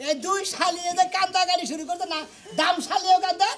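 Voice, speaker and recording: High, fast-talking joking man. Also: little pitch movement, crowd noise. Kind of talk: slapstick comedy skit acting. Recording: clear background noise.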